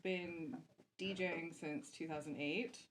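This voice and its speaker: A Canadian woman in her thirties, a soft-spoken, shy guest DJ chatting casually on a podcast with many fillers. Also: lowish voice, steady tone, takes it slowly, slight background noise. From Vancouver, Canada. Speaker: guest DJ and producer.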